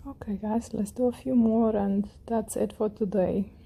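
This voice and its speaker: A woman hosting a crochet tutorial, talking in a calm, low, relaxed voice that slips into soft whispers. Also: moderate pace, gravelly, breathy edge.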